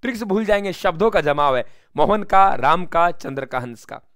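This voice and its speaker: A man teaching a lesson through a memory story, lively and repeating lines for recall. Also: a little high, normal speed, no echo, studio quality. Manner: lively, addresses students as friends, repeats for memory.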